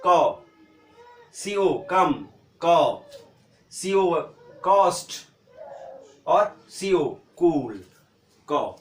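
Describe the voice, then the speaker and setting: A man teaching an English pronunciation lesson, spelling out letters slowly and asking and answering his own questions. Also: high-pitched, recorded from a distance. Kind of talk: classroom-style phonics lesson. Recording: echoey room, voice from off-mic.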